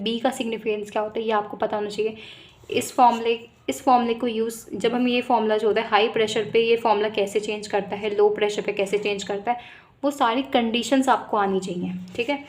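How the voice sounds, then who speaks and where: A young woman, a medical student, giving a casual exam-prep lesson, brisk and direct, often checking in with the viewer. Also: on the high side. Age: young adult.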